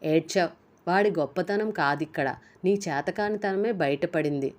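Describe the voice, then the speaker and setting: A woman's voice: lowish voice, normal speed, lightly acted. A woman voicing a stern, worried older man who scolds his servants in a storybook reading. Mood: angry, scolding. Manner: scolding, commanding. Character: worried older male father-in-law, stern and angry.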